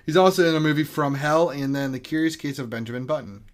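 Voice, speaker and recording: A man's voice: a little high, fairly quick. Casual man chatting on a podcast. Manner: rambling, casual, swears freely. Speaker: podcast co-host. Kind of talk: casual movie chat.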